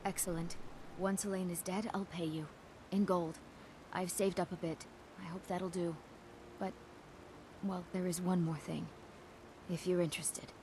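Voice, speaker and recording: A woman's voice: on the low side, little pitch movement, measured pace, pauses often, dark tone. An actress playing a bitter, vengeful jilted woman in a fantasy video game, with intense, emphatic phrasing. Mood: conspiratorial. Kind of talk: dramatic video game voice acting. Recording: game audio with clear background noise.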